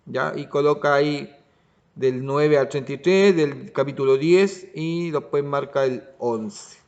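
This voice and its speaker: A man teaching a Bible lesson as pastor, often pausing to check the congregation understands. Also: a little high, a little mellow, muffled recording. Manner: restarts and asks "¿ya?" to check understanding. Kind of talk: Bible study sermon.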